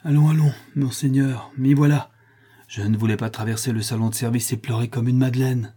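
A man voicing a loyal, kind-hearted old gentleman squire in an audiobook reading, with a bluff, protective manner. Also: mid-range voice, fairly even intonation, a little fast, husky, close to an everyday voice. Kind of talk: audiobook character voice.

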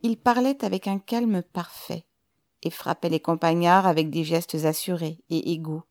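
A woman narrating a novel in a measured, even storytelling manner. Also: lowish voice, dry recording, clean studio sound. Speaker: audiobook narrator.

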